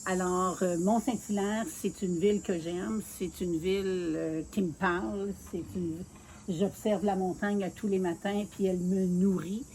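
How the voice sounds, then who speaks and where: Interviewed casually about her life, a mayoral candidate in her sixties from Quebec City speaks with a Quebec French accent in a measured, earnest way, often pausing with fillers to find her words. Her middle-pitched voice is darkish with fairly even intonation, while crickets and insects chirp faintly behind a slight hiss or hum.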